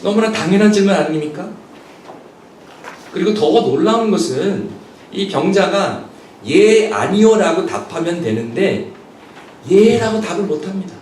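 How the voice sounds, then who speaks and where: A man with a high voice preaches a Sunday sermon, his earnest delivery shifting as he voices the questions he quotes. The sound is roomy and taken from some distance, with the echo of a church sanctuary and a faint hum of ambience behind him. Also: lively intonation, measured pace, pauses often, a little mellow. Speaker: pastor. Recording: echoey church hall picked up from a distance.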